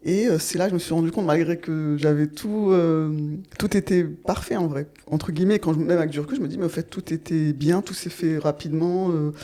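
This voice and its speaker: As a podcast guest, a nurse in her thirties from Paris chats casually in a deep, warm voice. She talks briskly with few pauses, though her manner stays reflective and hesitant and full of fillers.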